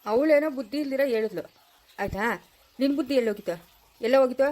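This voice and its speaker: A woman's voice: high voice, quick pace, mellow, close to an everyday voice. A woman playing a stern old village grandfather who scolds his son and soothes his granddaughter in a family drama skit.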